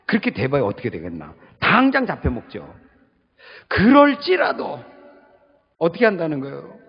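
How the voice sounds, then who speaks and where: A man preaching a sermon as pastor, questioning his congregation and swinging from loud high calls to low murmurs. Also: wildly swooping pitch, fast, slightly rough, dull audio. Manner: call-and-response questions to the congregation.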